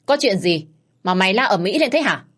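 A woman's voice: low-pitched, moderate pace. A woman voicing a stern older landowner father who barks orders. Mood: angry. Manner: gruff, commanding.

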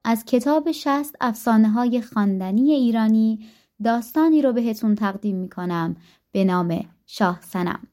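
A woman narrating a folktale audiobook in a gentle, rhythmic storytelling manner, recorded on a studio mic. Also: a little high.

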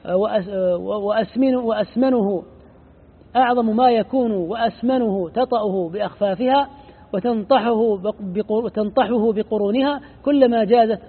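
A man's voice: high-pitched, breathy edge. A man reading a classical religious commentary aloud at speed, often stumbling and repeating words. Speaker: student reading the text aloud. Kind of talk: fast recitation of a classical commentary. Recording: tinny phone-like lo-fi audio.

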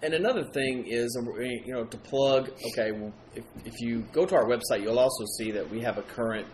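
A man's voice: lowish voice, slight background noise. A man hosting a casual paranormal investigation talk show, rambling and chatty, often correcting himself. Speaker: paranormal podcast host. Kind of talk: casual chat.

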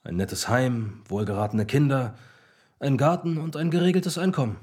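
A man's voice: medium pitch, normal speed, darkish tone, husky, close to an everyday voice. An actor playing a grown-up Harry Potter as a mild, placating family man in a radio play. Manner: mild, placating, slightly weary.

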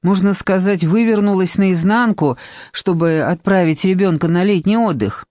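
A reader voices a weary, downcast young mother in an audiobook, plaintive and hesitant. The pitch is middling. The sound is dry and close. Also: moderate pace, darkish tone, no room sound, close to an everyday voice. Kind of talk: audiobook reading.

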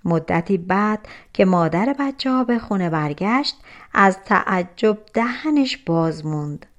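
A woman narrates a folk tale for an audiobook. Her pitch sits in a middle range, and she tells the story in a gentle, even way with scripted storybook pacing. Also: lo-fi sound.

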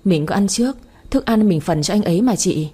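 A woman's voice: medium pitch, lively intonation, brisk, mellow, breathy edge. A woman voicing a blunt young woman who argues sharply and impatiently. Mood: arguing.

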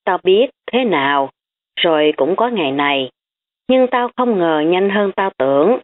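A woman voicing a defensive, sharp-tongued young female student hiding her family's wealth, on tinny phone-like audio. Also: fairly low pitch, lively intonation, measured pace.

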